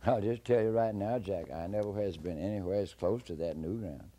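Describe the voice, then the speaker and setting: A man's voice: deep voice, brisk, warm tone. A man voicing a big, older mountain king, drawling folksily as he bargains. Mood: confiding.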